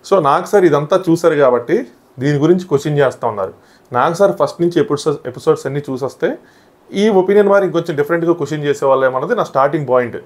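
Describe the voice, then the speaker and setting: A man's voice: a little high, very fast. A man casually reviewing a reality show episode, retelling what happened and often quoting people. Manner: animated retelling of events, often quoting others.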